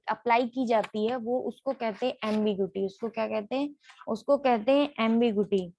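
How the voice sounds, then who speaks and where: A woman teaching literary terms for an exam, who reads each definition slowly, then explains it, repeating key words and asking and answering her own questions. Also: fairly high pitch, no room sound.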